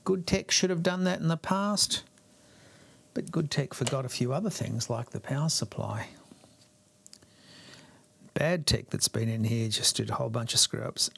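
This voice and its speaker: A man's voice: mid-range voice, normal speed, creaky, long pauses, a bit bright, slightly rough. Chatty man explaining an amp repair. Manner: chatty, explains step by step while working. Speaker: guitar amp repair technician. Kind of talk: hands-on repair tutorial.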